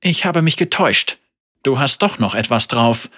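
A man's voice: mid-range voice, lively intonation, moderate pace, breathy edge. A man voicing a defiant, despairing young woman. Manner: shouting in anger, teeth clenched.

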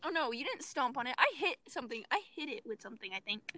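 A woman co-hosting a casual chat podcast, recounting events with animated laughter. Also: high voice, fast talker. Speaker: podcast co-host.

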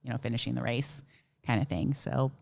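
A woman's voice: extremely low pitch, steady tone, fairly quick, vocal fry, darkish tone. A young adult woman, a nurse and ultrarunner, telling stories in a casual interview, laughing easily. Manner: chatty storyteller, laughs often, many "like" and "you know". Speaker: ultramarathon runner and nurse guest.

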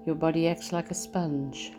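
A woman leading a guided meditation, speaking softly and soothingly as she talks the listener through relaxing the body. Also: deep voice, steady tone. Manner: slow, soft and soothing. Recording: soft music underneath.

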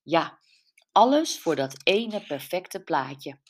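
A woman's voice: on the low side, sing-song, takes it slowly, exaggerated voice. A woman voicing a friendly, matter-of-fact woman in her forties in an audiobook. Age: 40s. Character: friendly woman near fifty, a curious sleuth.

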